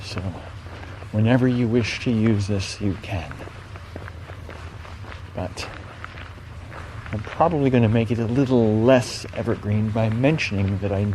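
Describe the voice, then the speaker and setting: A man's voice: on the low side, measured pace, long pauses, dark tone, a little hiss or hum, low-quality recording. A man casually recording an audio message for a podcast while outdoors. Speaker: podcast contributor. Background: faint outdoor ambience.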